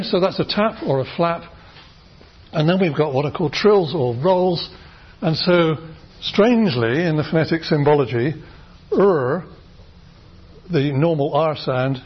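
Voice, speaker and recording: A British man lectures on phonetics to a class, patiently explaining and demonstrating sounds, with plenty of fillers and restarts. His voice sits a little high and sounds husky. The recording of the lecture room is dull and lo-fi. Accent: British English. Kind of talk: university lecture.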